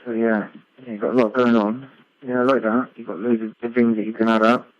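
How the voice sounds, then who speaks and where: A man chats casually as an amateur radio operator, rambling on with frequent tag questions in a level, brisk tone. The ham radio link is played through a computer, giving a muffled, low-fi digital sound with no room sound.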